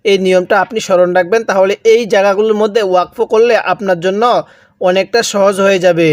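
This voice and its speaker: A man teaching Quran reading in Bengali with a Bangladeshi accent, spelling out words slowly and asking and answering his own questions. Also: high-pitched, fairly even intonation, no room sound, clean studio sound. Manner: drills syllable by syllable, asks and answers own questions. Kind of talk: slow spelled-out recitation lesson.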